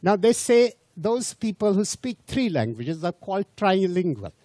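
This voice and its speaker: A man from India, not a native English speaker, gives an unhurried public lecture to an audience, restarting and repeating words as he talks. His high voice is sing-song and mellow, recorded in clean studio sound with no echo.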